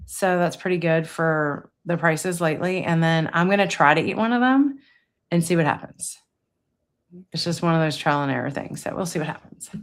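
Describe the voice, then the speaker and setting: A woman's voice: low-pitched, normal speed. A woman in her fifties chatting casually as a guest, rambling through her daily routine with lots of fillers. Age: 50s. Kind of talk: casual chat. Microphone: streaming interview setup.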